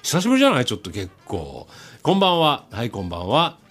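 A male radio host chats with his co-host and reads out listener mail, playful and quick to chuckle. His pitch rises and falls in wide swings, and faint music plays beneath him. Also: wildly swooping pitch, fairly bright tone, breathy edge. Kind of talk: casual radio chat, reading listener emails.

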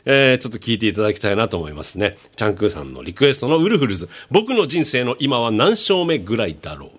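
A man hosting a casual request show, chatting in a friendly way and filling pauses with drawn-out hesitations. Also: mid-range voice, big pitch swings, slightly rough. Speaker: radio-style show host. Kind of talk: casual chat reading listener requests.

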